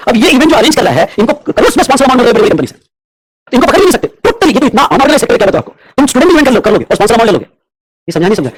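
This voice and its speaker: A man's voice: very high voice, husky, dry recording. A man teaching a classroom lecture on tax law. He mixes Hindi and English and keeps checking whether his students are following. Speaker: commerce teacher.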